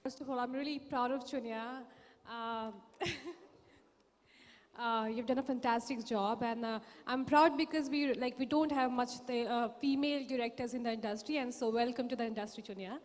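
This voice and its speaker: A woman guest giving a short stage speech, halting with fillers. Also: a little high, in a large hall.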